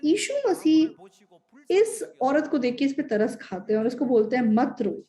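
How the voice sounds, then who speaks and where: A woman's voice: high voice, very animated, normal speed, warm tone. A woman interpreting a sermon, speaking in an earnest, explanatory way and repeating key phrases.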